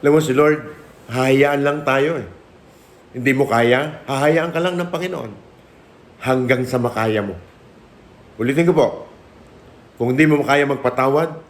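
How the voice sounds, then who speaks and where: A middle-aged man preaching his own testimony in a sermon. He mixes Filipino with English and slips into the voices of the people in his story. His pitch sits in the middle range for a man.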